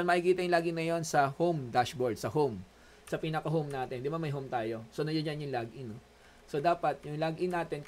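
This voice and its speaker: A man with a Filipino accent giving an online class lecture as a college instructor, joking and chatty as he switches between Tagalog and English. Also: fairly high pitch. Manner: joking, chatty Taglish teaching.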